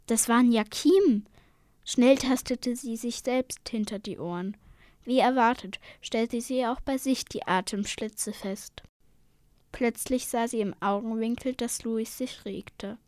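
A woman's voice: fairly high pitch, measured pace, a little mellow, no room sound. Woman reading a storybook aloud. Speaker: narrator.

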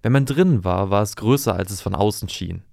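A man calmly reading a fairy tale aloud in an even storytelling manner. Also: on the low side, fairly quick, creaky, dry recording, clean studio sound.

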